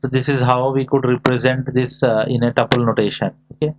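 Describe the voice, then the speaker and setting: A man's voice: mid-range voice, little pitch movement, a little fast, background noise. A man teaching a lesson, dictating notation symbol by symbol and posing short questions as he works through it step by step. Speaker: lecturer teaching a class. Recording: dull, lo-fi audio.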